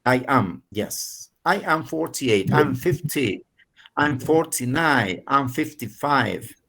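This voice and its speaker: Peruvian guy in his 40s running an online english class, slow careful model sentences, mid-pitch voice. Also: animated, creaky, sharp tone. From Peru. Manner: slow, drawn-out model phrases, repeating words for learners. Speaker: university English professor. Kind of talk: online class teaching English to Spanish speakers.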